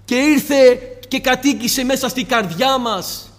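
A male preacher giving an impassioned sermon, firing off rhetorical questions and dropping suddenly to a soft tone. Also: very high-pitched, long reverb tail.

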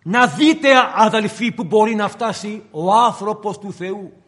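A man's voice: high-pitched, husky, in a large hall. A man preaching a sermon, retelling the story dramatically and addressing the congregation directly.

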